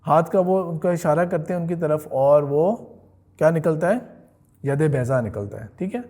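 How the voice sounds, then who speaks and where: A man lectures on religious history in a relaxed, talkative way. His voice sits a little high for a man. He often pauses to check that his listeners follow him and drops English words into his talk.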